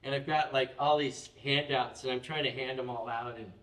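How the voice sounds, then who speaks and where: A man's voice: mid-range voice, steady tone, moderate pace, a bit bright, roomy sound, recorded from a distance. A man preaching a conversational sermon as pastor, acting out quoted prayers and laughing at himself now and then. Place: church chapel.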